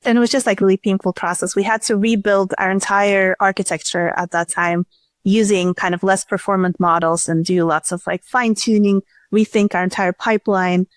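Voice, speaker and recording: At normal speed and medium pitch, with fairly even intonation, a woman speaks in a dry recording. She's an interview guest who runs a startup, chatting casually, restarting sentences and using lots of filler words.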